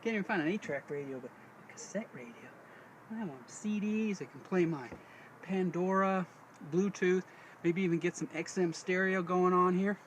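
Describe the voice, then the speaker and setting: A middle-aged DIY demonstrator with a high-pitched voice talks at a moderate pace inside a parked Jeep, giving a casual hands-on how-to. He thinks aloud in a folksy way as he works, captured on a noisy handheld recording.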